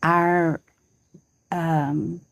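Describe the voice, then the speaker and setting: Woman, 40s, live-stream co-host: unhurried, gentle, a bit low, dry mic. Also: level tone, no room sound. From Southern United States. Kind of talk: casual chat on a live stream. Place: outdoors on a home porch at dawn.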